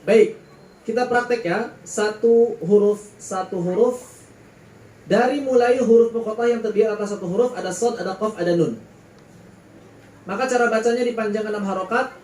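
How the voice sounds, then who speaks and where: Male recitation teacher, high mellow voice, patient and drawn-out, echoey room with faint hum. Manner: patient, drawn-out explanations with sung letter names. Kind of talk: Quran recitation lesson.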